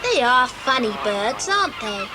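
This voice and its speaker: A woman's voice: on the high side, very animated, unhurried. A woman playing a sweet, anxious, curious little girl in a children's audio drama, with a questioning, childlike manner. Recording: very noisy old cassette dramatisation.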